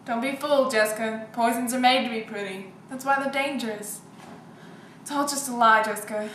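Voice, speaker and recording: A woman's voice: on the high side, steady tone, a little fast, a little hiss or hum, lightly acted. A woman playing a strict, guarded mother who scolds her young daughter firmly, in an amateur short film. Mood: quiet, grave. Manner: firm, scolding, later hushed and grave. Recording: echoey room, distant mic, music behind.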